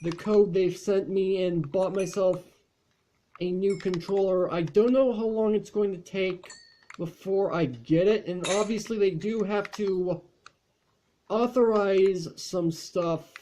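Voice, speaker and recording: Male gaming youtuber, casual commentary, mellow tone, chatty and rambling, faint background noise. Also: sits high, fairly even intonation, measured pace. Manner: rambling, chatty, frequent fillers. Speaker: gaming channel host.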